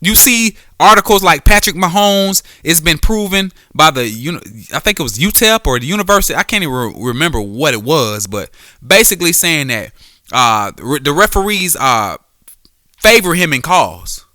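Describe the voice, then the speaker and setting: A man's voice: fairly high pitch, expressive, moderate pace, pushed and bright, no room sound, clean studio sound. A man hosting a solo podcast, talking casually and profanely about sports, with frequent restarts and self-corrections. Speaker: podcast host; former quarterback.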